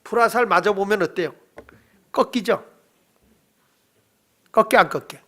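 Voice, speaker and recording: A man preaching a night-service sermon in a church, lively and firing questions at the congregation. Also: high voice, measured pace. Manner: animated, quizzes the congregation. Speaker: pastor.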